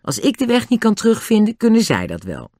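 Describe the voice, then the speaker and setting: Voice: medium pitch, huge pitch swings, brisk, no room sound, studio quality, pitched above the performer's own voice. Nobby, a narrator voicing a sobbing circus boy. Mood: pleased. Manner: choked, sobbing shouts. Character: boy circus hand, kind, heartbroken.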